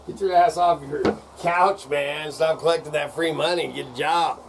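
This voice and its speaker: Gravelly older rowdy rural American man, ranting. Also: a little high, fairly even intonation, moderate pace, very noisy. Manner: rowdy redneck ranting, folksy and salty, says man and dude constantly. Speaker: vlogger. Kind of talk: casual off-the-cuff rant to camera.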